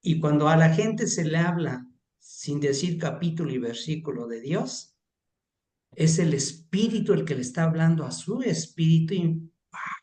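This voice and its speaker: A man's voice: a little high, expressive, moderate pace, a little mellow. Man with a roomy echo. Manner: rambling with restarts, emphatic. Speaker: pastor and counselor. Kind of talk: sharing an anecdote in an online class.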